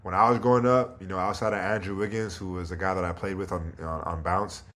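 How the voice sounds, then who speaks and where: A man in his thirties with a very low voice talks as a podcast guest. His delivery is relaxed and thoughtful, with easy filler words. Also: fast talker. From Toronto, Canada. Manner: relaxed and reflective, leans on "you know" and "like". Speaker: guest, pro basketball player. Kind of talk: casual interview.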